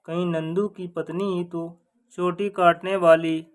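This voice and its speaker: A man's voice: high voice, level tone, slow. A man voicing a gossiping, suspicious villager in a folk story, speculating and accusing.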